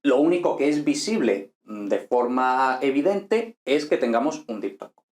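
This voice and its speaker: A man's voice: medium pitch, animated, normal speed, a little mellow, roomy sound. A man teaching an online language class, explaining step by step and often checking in with his listeners. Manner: explanatory, frequent "¿vale?" and "¿no?" checks. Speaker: Latin teacher. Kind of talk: online lecture.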